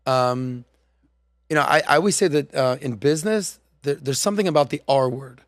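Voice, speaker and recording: A man in his forties hosting a podcast in a studio, chatting casually and acting out quoted voices with lively gestures. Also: mid-range voice, a little fast, no room sound. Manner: animated storytelling, acts out quoted voices. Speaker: podcast host. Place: studio set. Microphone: studio mic on boom arm.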